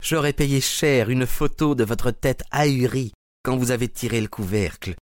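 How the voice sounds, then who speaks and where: A man's voice: mid-range voice, normal speed, dry recording, natural voice. An actor playing a hostile, sarcastic man who taunts and blusters, in a dry studio recording. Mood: mocking. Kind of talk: audio drama acting.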